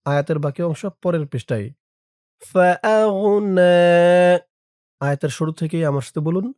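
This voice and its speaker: A man with a Bangladeshi Bengali accent teaching Quran reading, spelling Arabic words syllable by syllable and reciting them in a slow drawn-out chant. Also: fairly high pitch, dry recording, clean studio sound. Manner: speaks to viewers directly in quick, soft-spoken asides.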